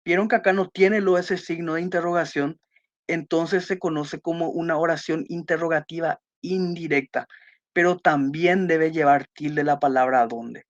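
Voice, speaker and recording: A Spanish teacher giving an online class, explaining accent rules and slowly reading out example sentences, checking in with her students. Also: low-pitched, fairly even intonation, lo-fi sound. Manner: checks in with students by asking questions.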